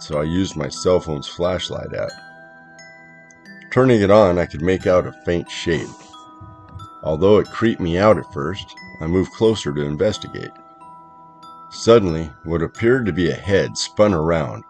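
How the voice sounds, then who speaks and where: A man narrating a first-person horror story in a measured, dramatic way. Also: very deep voice, a little mellow.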